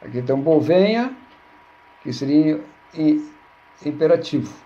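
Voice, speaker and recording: A man's voice: on the high side, expressive, a little slow, dark tone. A man teaching a Hebrew grammar lesson, patiently repeating words and checking with his listeners. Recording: dull lo-fi recording.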